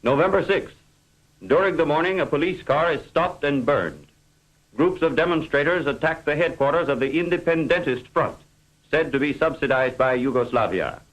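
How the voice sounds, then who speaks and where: A male narrator delivers a 1950s newsreel script with formal, measured phrasing. His voice sits a little high for a man. The sound is that of an old newsreel film soundtrack. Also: lively intonation, a bit bright, rough recording.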